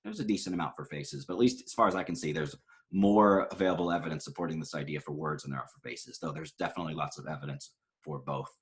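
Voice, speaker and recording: A man with a very low voice gives a recorded psychology lecture. He walks through study results casually, with plenty of "um"s and self-corrections. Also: quick pace. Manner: conversational, many fillers and self-corrections.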